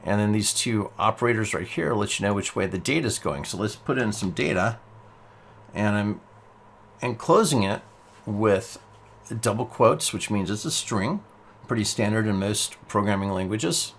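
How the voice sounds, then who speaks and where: Man, lowish voice, patient step-by-step coding teacher, keys clacking, faint hiss. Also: animated, moderate pace. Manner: patient, explains step by step while typing. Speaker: programming teacher. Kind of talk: screen-recorded coding tutorial.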